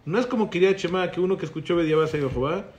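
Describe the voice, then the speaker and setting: Speaking rapid-fire in a high-pitched, slightly mellow voice, this rabbi leads a Torah class on halakha. He explains things patiently and keeps putting questions to the students.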